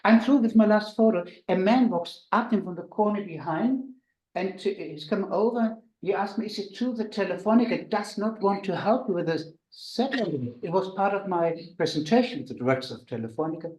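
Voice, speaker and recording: A man with a German accent, a doctor telling anecdotes to an audience in a halting way with dry humor. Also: high voice, animated, a little mellow, roomy sound, rough recording. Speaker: missionary doctor giving a talk. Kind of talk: storytelling talk to an audience.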